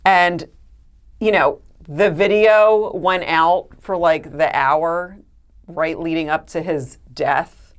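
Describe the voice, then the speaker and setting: Casting: low-pitched woman, podcast co-host, earnest and chatty. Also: takes it slowly. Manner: chatty, earnest, trails into laughs. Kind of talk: casual chat.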